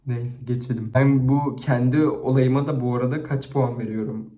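A man chatting casually to a camera, reading out embarrassing stories and rating them, expressive and chatty. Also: medium pitch, normal speed, dull audio. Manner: chatty and expressive, with frequent laughter. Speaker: YouTuber reading viewers' stories. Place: indoors at home, set-up camera. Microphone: camera on a stand. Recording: echoey room.

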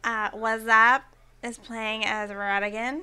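Giggly woman streamer hosting game night; raised pitch, crisp and bright. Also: flat delivery, slow. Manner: chatty, giggly, rambling with fillers. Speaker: stream host and board game player. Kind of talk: casual chat while playing.

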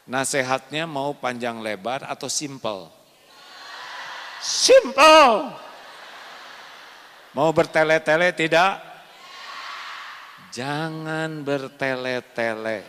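An Indonesian man preaching a sermon to a live congregation, quizzing the listeners and swinging between soft explanation and loud emphatic points. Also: mid-range voice, big-room sound, slight background noise.

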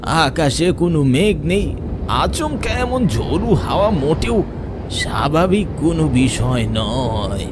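A man narrating a ghost story in a dramatic way, dropping to a hush at scary moments. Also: on the high side, big pitch swings, takes it slowly, noisy background.

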